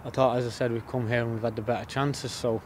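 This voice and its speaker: A man in his thirties, a footballer giving a post-match interview outdoors by the pitch, plain-spoken and repeating words as he thinks. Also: flat delivery, quick pace, slight background noise.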